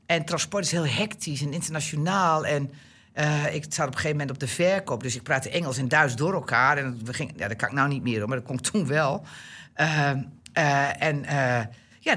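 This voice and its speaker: A woman's voice: deep voice, fairly quick, breathy edge. A woman in her sixties from Groningen with a Groningen accent, chatting as an interview guest and telling stories with fillers and laughter. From Groningen, Netherlands. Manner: chatty, animated, laughs often, many fillers and restarts. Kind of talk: relaxed personal storytelling.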